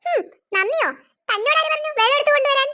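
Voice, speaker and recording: A woman's voice: very high-pitched, fast talker, pushed and bright. A woman voicing a rude, snappy little schoolgirl in a cartoon, huffy and dismissive. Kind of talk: cartoon voice acting.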